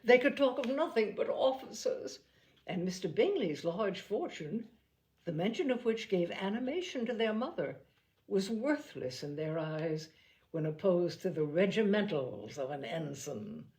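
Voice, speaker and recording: Female audiobook narrator, expressive literary storytelling, medium pitch with very animated range. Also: unhurried.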